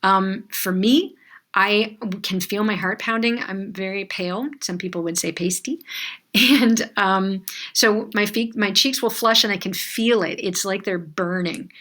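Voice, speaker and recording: A woman's voice: medium pitch, unhurried, fairly bright tone. Middle-aged woman giving a training talk, easygoing, lots of um and right. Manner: conversational, uses fillers and asides. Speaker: clinical supervisor presenter. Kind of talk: recorded training lecture.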